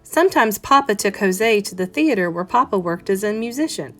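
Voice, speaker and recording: A woman reads a children's story aloud like a classroom teacher. Her voice sits at a medium pitch, with expressive emphasis and careful phrasing. Soft plucked guitar plays behind her. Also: brisk. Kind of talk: expressive read-aloud of a children's picture book. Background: plucked guitar music.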